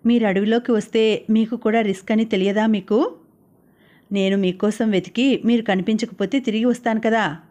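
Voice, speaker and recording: A woman's voice: medium pitch, steady tone, moderate pace, close to an everyday voice. A woman reading the lines of a playful, affectionate young man in an audiobook novel. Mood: teasing. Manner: playful, gently teasing.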